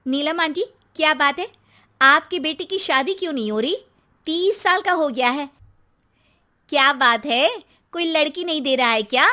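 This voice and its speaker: A woman voicing a sharp-tongued young wife. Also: high voice, animated, normal speed, voice pushed up. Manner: sharp, retorting. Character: outspoken young married woman.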